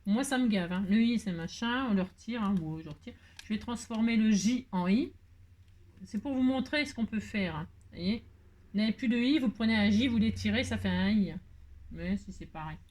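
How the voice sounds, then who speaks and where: A woman's voice: mid-range voice, animated, moderate pace, darkish tone. A woman hosting a casual card-making tutorial, chatty and self-mocking, with frequent fillers and laughs. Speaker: craft video host. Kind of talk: casual crafting tutorial chat.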